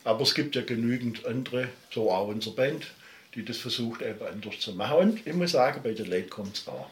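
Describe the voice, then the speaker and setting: A middle-aged musician from Baden-Württemberg, Germany, speaks with a Swabian accent as an interview guest, talking passionately and at length. His mid-range voice is lively and a little fast, emphatic and prone to digressions, recorded with a roomy sound.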